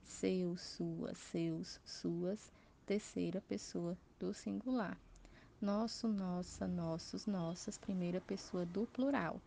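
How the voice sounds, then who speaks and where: A woman teacher with a Brazilian Portuguese accent, giving an educational TV lesson and listing examples slowly and clearly. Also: on the low side, steady tone, warm tone, slight background noise.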